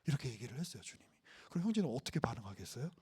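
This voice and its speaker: A man's voice: mid-range voice, very fast, husky. A man preaching a casual, conversational sermon who asks the congregation questions. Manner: animated, acts out voices of Jesus and Peter, asks the congregation questions. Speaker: pastor.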